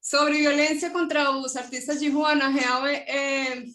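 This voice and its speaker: Colombian woman, high bright echoey voice. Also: fairly even intonation, unhurried. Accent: Colombian Spanish. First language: Spanish. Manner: hesitant, searching for words, many tag questions. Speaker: conference presenter. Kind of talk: answering questions at an online academic panel. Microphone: video call.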